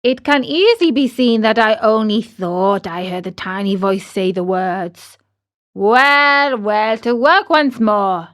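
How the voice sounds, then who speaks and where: A woman's voice: medium pitch, takes it slowly, a bit bright. A woman voicing an old, easily scared carpenter who mumbles to himself in a storybook reading. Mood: nervous. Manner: mumbling, nervous bravado.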